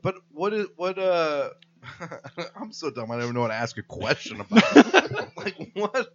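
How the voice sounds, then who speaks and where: A man's voice: fairly high pitch, big pitch swings, moderate pace, lo-fi sound, a crowd in the background. A man in casual podcast banter, self-deprecating and plain-worded.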